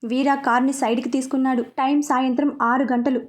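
High-voiced woman reading a story. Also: level tone, brisk. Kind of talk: reading a serialized romance story.

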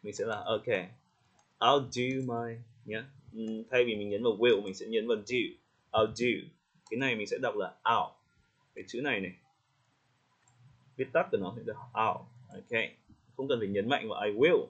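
A man gives relaxed spoken feedback as a pronunciation coach, slowing down to demonstrate words. His voice is slightly husky, and the audio sounds a bit dull and lo-fi. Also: fairly low pitch. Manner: friendly, demonstrates words slowly with small laughs. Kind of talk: casual spoken feedback on a student's recording.

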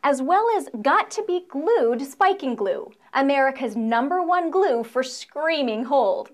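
A woman's voice: high voice, animated, unhurried. A young adult woman presenting a scripted promotional video in an upbeat, playful, salesy way.

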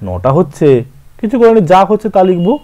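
A man's voice: sits high, wildly swooping pitch, fast talker, mellow. A man with a Bengali accent teaching verse scansion, counting syllables aloud and correcting his own slips. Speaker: literature teacher.

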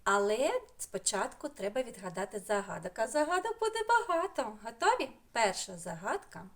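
A woman's voice: a little high, big pitch swings. A middle-aged woman teaching an online lesson to young children, asking riddles, praising answers and stretching out sounds and syllables. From Ukraine. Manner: slow, sing-song, stretches out sounds and syllables. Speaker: preschool teacher.

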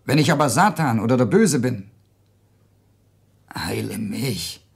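A man voicing a tormented, broken sick man who pleads in a hushed, half-whispered, husky voice. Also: medium pitch, expressive, brisk. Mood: pleading.

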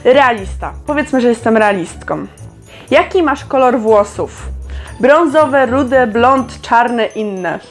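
A woman's voice: fairly high pitch, lively intonation, slow, soft background music. A young woman casually reading quiz questions aloud and answering them with chatty, sarcastic comments. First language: Polish. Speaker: vlogger.

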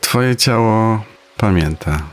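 A man narrating a guided meditation in a soft, soothing, unhurried manner with pauses between phrases. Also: fairly low pitch, expressive. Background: faint music.

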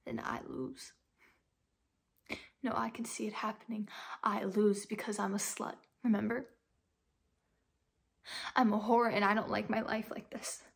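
A young woman acting a dramatic monologue as a distressed, ashamed young woman, with halting, tragic sorrow in her fragile voice. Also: mid-range voice, big pitch swings, fairly bright tone, full character voice. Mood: hopeless, then anguished. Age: young adult. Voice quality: breathy, husky, fragile.

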